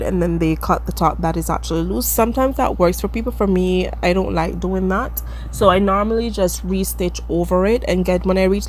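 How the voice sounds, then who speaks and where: A Caribbean beauty vlogger with a voice on the low side walks viewers through a wig-making tutorial, chatty and self-deprecating. Allergies have left her nose stuffy and congested, and there's slight background noise.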